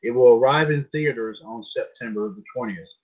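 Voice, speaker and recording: A man's voice: medium pitch, a little fast. A man hosting a casual pop culture news podcast, reading headlines aloud and stumbling over names. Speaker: podcast host. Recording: dull lo-fi sound.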